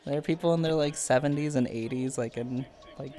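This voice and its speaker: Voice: medium pitch, a little fast, warm tone, faint music behind. A podcast host in casual interview chat on a stream, chatty, joking and rambling.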